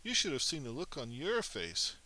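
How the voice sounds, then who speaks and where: A man's voice: mid-range voice, huge pitch swings, normal speed, pushed and bright, exaggerated voice. A man voicing a cheeky, teasing young girl in a storybook reading.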